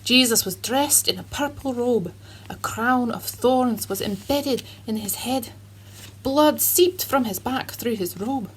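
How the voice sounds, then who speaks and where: A woman voicing a cheerful Scottish man who tells a Bible story to children in an earnest, dramatic way, with a husky voice and a put-on Scottish accent. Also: a little high, takes it slowly, poor audio. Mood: solemn.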